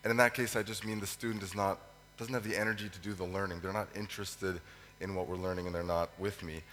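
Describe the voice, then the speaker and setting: His voice is hoarse and fading from a cold as this man delivers a sermon in a fairly low register, level and fairly bright in tone. Ums and throat-clearing interrupt him, while the reverberant church hall carries his words over a faint hum, picked up by a microphone.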